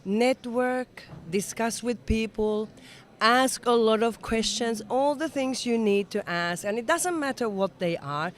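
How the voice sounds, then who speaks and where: A Finnish woman in her sixties, a native Finnish speaker, is an interview guest at an event summit venue, speaking earnestly and enthusiastically in a conversational interview with slightly non-native phrasing. Her voice is a little high and unhurried, with a little hiss or hum present.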